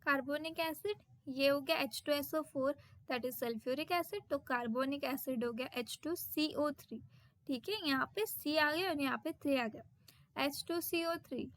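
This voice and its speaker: A woman teaching a science lesson in a high, light voice, taking her time over each point. She reads the English terms out slowly and deliberately. The sound is dry and close, with no room around it. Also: fairly bright tone, no echo. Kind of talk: textbook lesson explanation.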